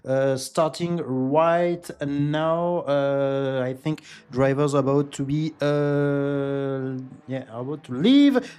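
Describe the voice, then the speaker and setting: A man leading a live sim racing broadcast, speaking slowly and haltingly with many fillers. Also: on the high side, smooth. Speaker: lead esports commentator. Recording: broadcast with loud music bed.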